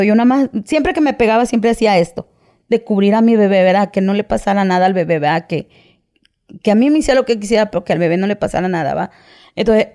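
As an interview guest, a woman retells her own story casually, her middle-pitched voice dark and mellow. She speaks haltingly, restarting phrases and tacking on "¿verdad?" and "¿va?" in this personal testimony.

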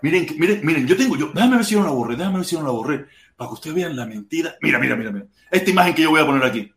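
A man with a Cuban accent hosting a casual live stream, animated, exclaiming and repeating himself. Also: fairly high pitch, very fast. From Cuba. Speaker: podcast host. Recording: echoey room.

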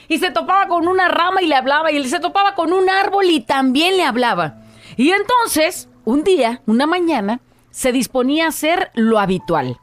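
Animated woman telling a fable. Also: sits high. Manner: animated, repeats words for emphasis. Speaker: host. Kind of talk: storytelling a fable.

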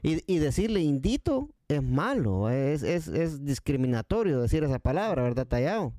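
A man's voice: fairly high pitch, big pitch swings, normal speed, warm tone, no room sound, studio quality. A man hosting a casual radio chat, talking over others and calling them by nickname. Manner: chatty, keeps addressing others by nickname. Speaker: radio show host.

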